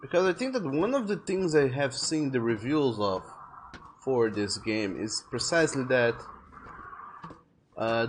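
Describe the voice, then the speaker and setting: Chatty and self-correcting, a man from France gives casual commentary while streaming a game, wandering from thought to thought and frequently starting sentences over. His voice sits in the mid range, with a little hiss or hum on the recording.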